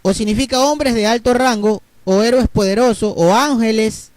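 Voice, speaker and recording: A man preaching a Bible teaching sermon, explaining word roots slowly and checking in with his listeners. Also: very high voice, dry recording. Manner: explains slowly, spells letters out, asks listeners ¿verdad?.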